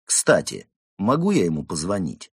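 A glib, cheeky tomcat from a storybook, talking his way out of trouble with mock innocence, as a man reads him. The delivery is husky, lively in pitch and close-miked in a dry space. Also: normal speed, no room sound, heavily acted. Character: cheeky smooth-talking male tomcat suspect.

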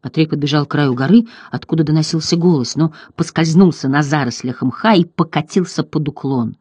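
An expressive audiobook narrator tells a fantasy story with dramatic rises and falls. The voice sits in a middle pitch. The recording is dry and close. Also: a little fast, slightly rough, dry recording.

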